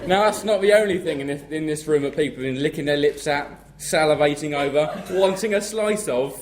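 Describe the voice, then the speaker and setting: A young man from England, speaking as the groom at his wedding reception, joking and then thanking family warmly. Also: a little high, brisk. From southern England. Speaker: groom giving a wedding speech. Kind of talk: wedding speech to guests. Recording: loud crowd and noise at a reception. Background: laughing guests.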